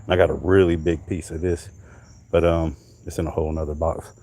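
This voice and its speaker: A middle-aged livestreamer from North Carolina rambles through a casual show-and-tell outside on a hot summer night, dropping swear words as he shows what he found. His rumbling low, dark voice comes out a little fast and flat.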